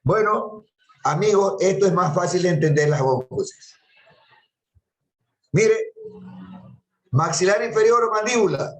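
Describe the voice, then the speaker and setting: Echoey male anatomy lecturer, high voice. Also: lively intonation, a little slow, long pauses. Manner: patient, repeats terms, quizzes students. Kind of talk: classroom lecture.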